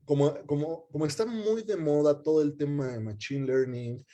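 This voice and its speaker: A man's voice: on the high side, normal speed, mellow. A man in a webinar, explaining data science at length with many fillers and restarts.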